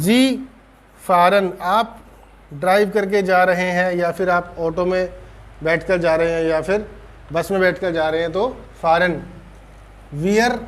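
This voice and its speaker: A man with an Indian Hindi accent teaching German grammar in an online lesson, patient, repeating points and checking understanding, slowing down to spell out German words. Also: high-pitched.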